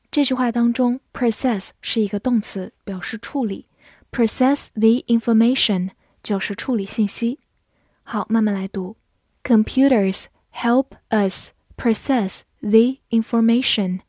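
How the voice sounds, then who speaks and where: In a studio-quality recording with no room sound, a woman with a fairly high, mellow voice teaches English vocabulary from a script. She spells each word letter by letter and reads the example sentences slowly.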